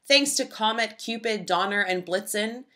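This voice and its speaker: A woman's voice: mid-range voice, moderate pace, sharp tone, natural voice. A woman voicing a jolly, fussy old Santa from a storybook, in a theatrical, exclamatory manner. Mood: jolly, rousing.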